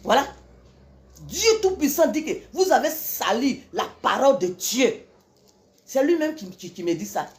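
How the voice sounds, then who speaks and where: A woman's voice: a little high, very animated, a little slow. A woman, delivering an impassioned, scolding religious tirade full of repetition and rhetorical questions. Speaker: self-styled preacher.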